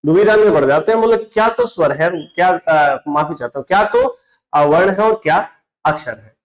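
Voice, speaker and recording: A man's voice: a little high, expressive, normal speed, poor audio. A man teaching Hindi grammar in an online lesson, often asking a question and answering it himself, calling his students brother and dropping English words into his Hindi. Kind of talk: classroom-style online lesson.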